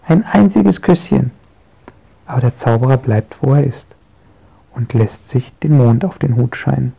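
Children's audiobook narrator, male, gravelly, dark and mellow. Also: medium pitch, normal speed, rough recording. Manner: gentle, lively storytelling. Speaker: storyteller.

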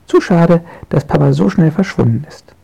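Man voicing a high excited little girl witch. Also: moderate pace, creaky, breathy edge, full character voice. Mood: chatty. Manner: bright, excited calling.

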